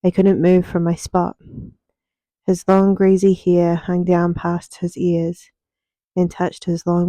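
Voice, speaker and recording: A young woman, a writer reading from her own book, tells the story in a soft ASMR manner with a very dark, mellow tone. Her voice is fairly low and barely shifts in pitch, and she leaves deliberate pauses between phrases. The recording is dry, close and of low quality, with no room sound.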